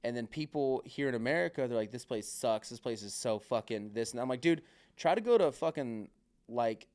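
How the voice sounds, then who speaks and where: Smooth-voiced man in loose, swearing chat. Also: mid-range voice, expressive, brisk, a little mellow. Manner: swearing, rambling, heavy filler words; acts out other people's remarks. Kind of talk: casual podcast chat.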